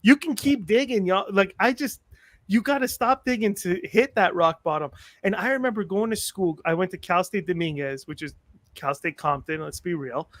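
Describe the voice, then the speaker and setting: A man in his forties with a notably high voice tells stories as a podcast guest, lively and self-mocking, slipping into little impressions of the people he quotes. The sound is dry and close, with no room around it. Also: normal speed, no room sound. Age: 40s. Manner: animated, self-mocking humor, acts out quotes. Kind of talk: casual storytelling chat.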